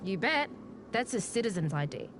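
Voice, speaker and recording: A woman's voice: medium pitch, sing-song, moderate pace, background noise, close to an everyday voice. A woman playing a brash, cagey young tech tinkerer in a video game, with a sarcastic, cheeky, slangy delivery. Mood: sardonic, wary.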